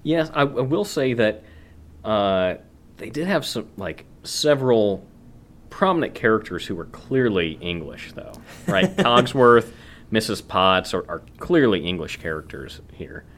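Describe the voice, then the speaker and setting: A man's voice: fairly low pitch, big pitch swings, a little slow, fairly bright tone. A man co-hosting a podcast, chatting playfully with frequent ums and asides. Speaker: podcast co-host. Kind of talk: casual chat.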